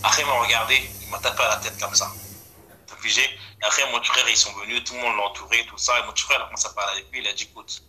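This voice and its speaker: A man's voice: medium pitch, racing, low-quality recording. A young man in casual chat, recalling old stories and often chiming in with agreement. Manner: relaxed, frequent agreeing interjections.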